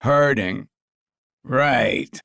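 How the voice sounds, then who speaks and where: A man reading the audiobook voices an impatient, crude mob boss who snaps gruffly. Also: mid-range voice, drawn-out words, a bit bright, no echo, clean studio sound, full character voice. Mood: irritated.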